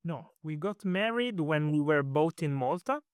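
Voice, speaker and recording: Speaking as a guest in a laid-back interview, a man from Italy recounts his story with a pronounced Italian accent. He hesitates often, using fillers and starting sentences over, in a voice that is smooth, resonant and a touch high. It's recorded up close, dry and free of room sound.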